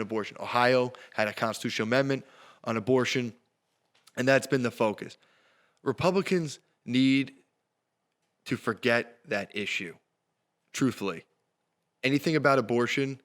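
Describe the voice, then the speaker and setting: A man's voice: medium pitch, fairly bright tone. A man hosting his podcast, delivering a punchy, emphatic political monologue with repeated phrases. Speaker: podcast host.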